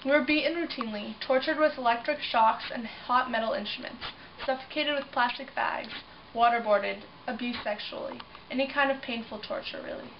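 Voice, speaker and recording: A woman playing a young survivor of a prison camp, speaking in a solemn, measured way in a mock news interview. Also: a little high, close to an everyday voice. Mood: grave. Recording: dull distant recording with noise.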